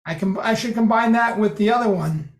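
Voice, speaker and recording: A presenter moves fairly quickly through a code demo for a group, voice at a middling pitch. They explain loosely, restarting and correcting themselves, and the meeting room adds a roomy echo to every word.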